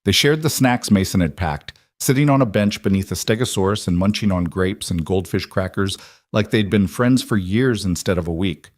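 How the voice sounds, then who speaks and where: A man narrating a scripted story in an even, steady reading voice on a close microphone. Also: deep voice, moderate pace, dry recording.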